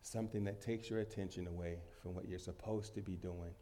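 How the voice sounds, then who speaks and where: A pastor with a cold preaches a sermon to his congregation in church. He swings between loud emphasis and quiet asides and laughs easily, with a low-sitting, steady voice and a brisk pace.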